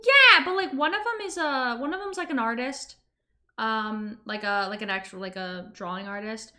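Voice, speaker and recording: A woman's voice: fairly high pitch, moderate pace, sharp tone. A woman streamer in casual reaction chat, talking informally and emphatically and acting out the reactions she quotes.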